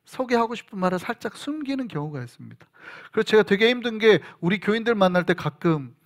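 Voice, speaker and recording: A male pastor delivers a sermon in a church, his voice pitched high and swinging widely as he tells stories. He slips into bits of acted-out dialogue, keeping the talk animated. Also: fast. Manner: storytelling, animated, acts out dialogue. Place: church sanctuary.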